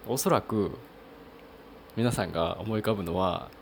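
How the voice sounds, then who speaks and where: A man's voice: lowish voice, normal speed, creaky, a little hiss or hum. A man from Kochi with a Tosa accent, hosting a casual solo talk and hesitating with many fillers and restarts. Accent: Tosa dialect. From Kochi, Japan. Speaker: podcast host.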